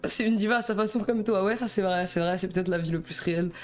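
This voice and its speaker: A man's voice: high voice, quick pace, soft background music. A young man with a Belgian French accent chatting casually on a live stream, nervous and self-mocking, stammering and rambling between laughs.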